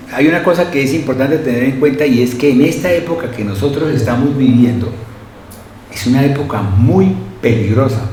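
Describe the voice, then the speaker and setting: A man's voice: medium pitch, darkish tone. A man preaching a sermon, talking to the congregation and often asking them questions. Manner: conversational, asks the congregation frequent questions. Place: church hall. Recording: very echoey church hall, faint noise.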